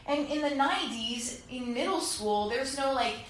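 Stand-up comic, woman, 30s, high bright voice, very echoey club room. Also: normal speed, recorded from a distance. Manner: animated, acts out characters in quotes. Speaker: stand-up comedian. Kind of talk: stand-up comedy set. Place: comedy club stage. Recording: very echoey room, faint crowd noise.

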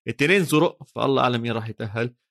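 A man's voice: medium pitch, very fast, gravelly, a bit bright. A man with a Levantine Arabic accent co-hosting a football podcast in casual, colloquial, bantering chat.

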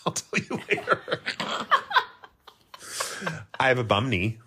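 A woman's voice: a bass voice, big pitch swings, slow pace, background noise. A woman in her forties co-hosting a casual chat podcast, dry and self-mocking in her jokes. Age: 40s. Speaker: podcast co-host.

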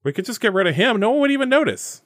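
Naive bear, male performer, high and very animated, childlike phrasing, improvised cartoonish role-play, dry recording. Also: racing, no echo. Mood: curious. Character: naive, hesitant man-eating cartoonish bear.

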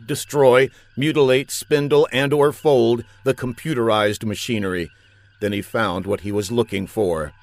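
A man reading a comic adventure story aloud in a mock-dramatic way, hitting words with punchy emphasis. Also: mid-range voice. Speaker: narrator. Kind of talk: comic scripted story narration.

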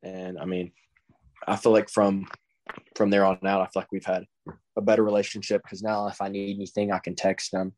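A Texas teenager with a Southern accent, a high school baseball recruit appearing as a guest, answers interview questions in a laid-back way and keeps saying "I mean." His voice is low and darkish, brisk, with little pitch movement.

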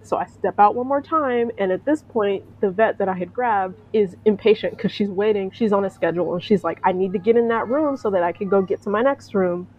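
A veterinary technician tells a personal story in a casual, animated style, using a mid-range voice that moves a little fast with few pauses. The recording is muffled, and she acts out the voices of the people involved and laughs often.

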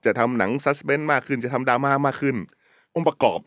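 A man from Thailand answering interview questions, thinking aloud quickly with repeated words and casual slang. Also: mid-range voice, fairly bright tone, no echo, studio quality. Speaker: streaming company content director, guest.

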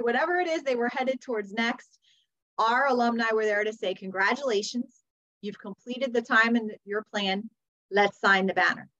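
A woman's voice: on the high side, fairly bright tone. American woman guest, slightly muffled audio. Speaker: podcast guest, teacher and author. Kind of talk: conversational personal storytelling.

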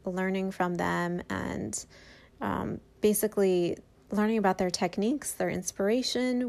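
Her voice sits in the middle range, a little mellow and touched with vocal fry. As the art podcast's host, she runs a casual intro and interview, eager and rambling, her speech thick with fillers.

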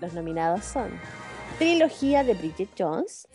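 A woman co-hosting a podcast, lively and giggly in casual chat. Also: medium pitch, measured pace, soft background music. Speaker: podcast co-host.

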